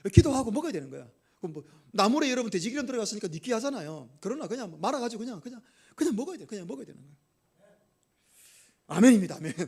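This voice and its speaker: A middle-aged male pastor preaching a sermon, telling a story and throwing questions to the congregation, with loud emphatic bursts and quiet dropped phrases. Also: high-pitched. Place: church sanctuary.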